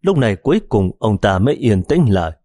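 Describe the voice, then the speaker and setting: A man reads a story aloud in a low, steady voice, measured and even. The recording is close and dry with no room sound. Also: dry recording. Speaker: narrator. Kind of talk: audiobook storytelling narration.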